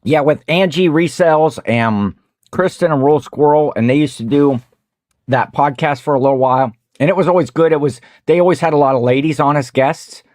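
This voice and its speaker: A man's voice: fairly high pitch, a little fast, darkish tone, dry recording, clean studio sound. A man with a Midwestern American accent hosting a casual livestream, rambling while he eats and greets viewers in the chat. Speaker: host of a reseller livestream.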